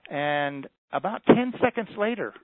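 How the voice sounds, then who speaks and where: A man's voice: high voice, lively intonation, measured pace, no room sound. A man tells a story like a motivational speaker and acts out the dialogue, in a voice a little above the usual for a man. The sound is thin and phone-like, and the recording is dry and close. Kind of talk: sales pitch for a coaching package. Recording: tinny phone-like audio, dry.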